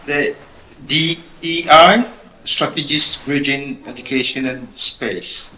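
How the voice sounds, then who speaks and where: Slow, teasing male emcee in a hall. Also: medium pitch, pushed and bright. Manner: teasing, playful. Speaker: event host. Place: event hall. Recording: echoey hall, clear noise.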